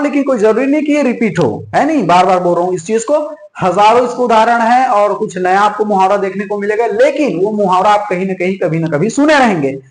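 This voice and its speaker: Drilling key points over and over, this online exam-prep teacher keeps checking on his students and says "theek hai" often. His voice is high, and the rough recording sounds roomy.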